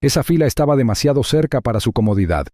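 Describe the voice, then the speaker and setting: Male narrator, mid pitch, mellow and dry, measured suspense reading. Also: animated, dry recording. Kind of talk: scripted narration.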